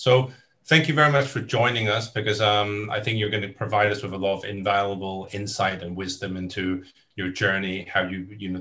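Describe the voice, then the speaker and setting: A young man who grew up in the United Kingdom, hosting a podcast over a video call from a home office, encouraging his guest and pausing often with "um". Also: on the low side. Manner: warm, encouraging, halting with "um". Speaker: podcast host. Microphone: video call webcam.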